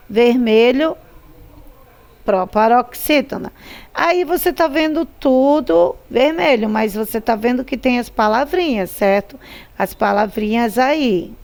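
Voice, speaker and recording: A woman's voice: on the high side, a little mellow. A woman teacher with a Brazilian Portuguese accent, patiently explaining a lesson, drawing out syllables and repeating words for emphasis. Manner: drawn-out syllables, repeats words to stress them. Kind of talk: slow, patient classroom instruction.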